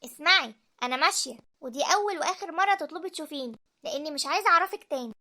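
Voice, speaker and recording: A woman voicing a cold, cutting young married woman with an Egyptian accent in an animated drama. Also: high-pitched, rapid-fire. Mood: scornful.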